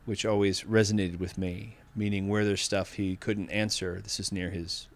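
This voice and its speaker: A man in his fifties from Massachusetts talks as a podcast guest in a somewhat low voice. He sounds reflective and candid, often restarting his sentences as he gathers his thoughts. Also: flat delivery, normal speed. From Massachusetts, USA. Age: 50s. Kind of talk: casual interview conversation.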